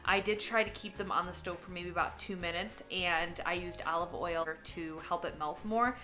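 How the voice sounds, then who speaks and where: A woman's voice: lowish voice, fairly even intonation, moderate pace, bright, forceful tone, soft background music. A woman chatting casually while tasting food for a vlog, candid and talkative, sometimes talking with her mouth full. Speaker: vlogger. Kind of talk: casual taste-test vlog.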